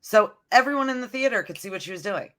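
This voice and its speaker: A woman's voice: medium pitch, animated, quick pace, fairly bright tone. A woman co-hosting a podcast, telling stories in casual chat and leaning on "like" a lot. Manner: chatty storyteller, fills talk with "like". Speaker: podcast co-host.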